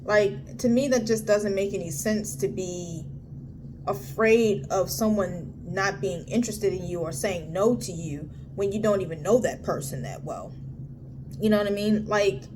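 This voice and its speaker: A woman in her late thirties giving a casual tarot reading, blunt and profane, her voice climbing high when she makes a point. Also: measured pace, background noise. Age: 30s. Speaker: tarot reader.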